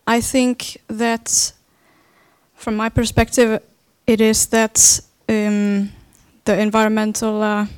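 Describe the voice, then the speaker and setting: Slow, clear Finnish-accented woman. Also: a little high, completely flat delivery, no room sound. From Finland. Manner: hesitant, searching for words. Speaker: panelist, dance artist. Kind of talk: unscripted panel talk.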